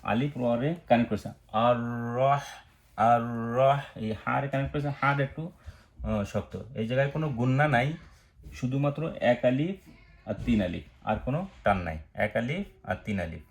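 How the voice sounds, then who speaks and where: A man with a Bangladeshi Bengali accent teaching Quran recitation step by step, spelling out letters and marks, then chanting each word slowly. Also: medium pitch, lively intonation, creaky. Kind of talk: slow step-by-step recitation lesson.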